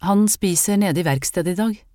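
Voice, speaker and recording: Woman reading a gentle young maid. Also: fairly low pitch, no room sound, clean studio sound, close to an everyday voice. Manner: soft-spoken, kind.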